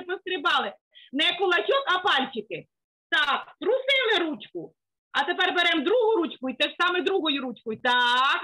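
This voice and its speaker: High, bright-voiced woman teaching kids. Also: low-quality recording. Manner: sing-song, coaxing, lots of praise and diminutives. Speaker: children's teacher. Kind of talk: online kids' finger-exercise lesson.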